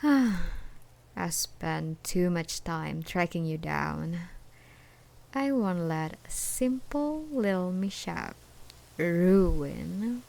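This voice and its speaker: A woman plays an obsessive, menacing jilted ex-girlfriend hunting her beloved in an intimate, dramatic ASMR roleplay monologue. Her voice is on the low side, creaky, animated and heavily acted, with a menacing, obsessed mood. She taunts slowly and draws things out, with dark chuckles and whispers.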